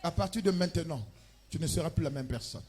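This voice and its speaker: A man with a Congolese French accent preaching a sermon as pastor, with loud emphatic bursts and chanted lines. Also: a little high, fast, soft background music. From Republic of the Congo. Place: church.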